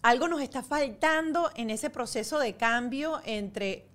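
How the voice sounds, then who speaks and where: A woman's voice: high voice, measured pace, a bit bright. A woman hosting a parenting interview show, asking thoughtful follow-up questions in a casual tone. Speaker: host.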